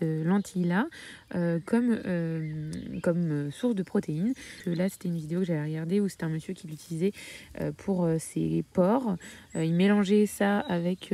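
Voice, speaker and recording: A woman's voice: on the low side, gravelly, mellow. A woman from France talking casually about her hens in a homestead vlog, hesitating often with filler sounds. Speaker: backyard poultry keeper.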